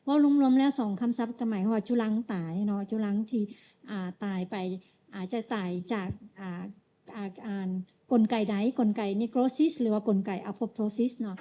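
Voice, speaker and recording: Dark-voiced woman interpreter with Lao accent. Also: fairly high pitch, muffled recording. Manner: measured, with frequent tag particles and pauses. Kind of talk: consecutive interpretation of a lecture.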